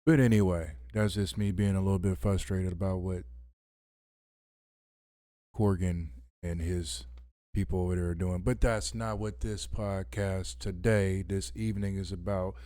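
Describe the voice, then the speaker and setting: A man's voice: deep voice, steady tone, a little slow, warm tone, no echo, studio quality. A man hosting a late-night wrestling podcast from home, speaking in a radio-host style with casual fillers. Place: home at midnight.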